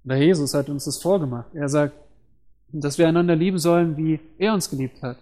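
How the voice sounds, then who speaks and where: A man delivers a sermon in an earnest teaching tone, explaining scripture and asking rhetorical questions. His voice sits a little high for a man. Its tone is mellow and dark rather than bright. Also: a little fast. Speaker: preacher.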